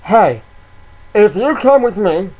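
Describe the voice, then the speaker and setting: A smarmy fake Hollywood producer promising stardom, played by a young man. The voice is loud and pitched well above his normal talk, with a slick salesman's push. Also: very animated, slow pace, full character voice, poor audio.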